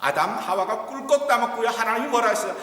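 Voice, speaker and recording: A male pastor giving a Sunday sermon as an animated preacher who tells stories and acts out scenes. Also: very high voice, fast talker. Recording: echoey church hall from far off.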